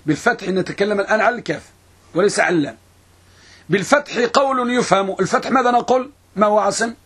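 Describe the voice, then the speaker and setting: Male grammar teacher, lesson delivery, high husky voice, slow drawn-out recitation, stops to quiz the room. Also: lively intonation, a bit bright. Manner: recites verses slowly, questions students. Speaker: Islamic scholar teaching grammar. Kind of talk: classroom lesson on Arabic grammar.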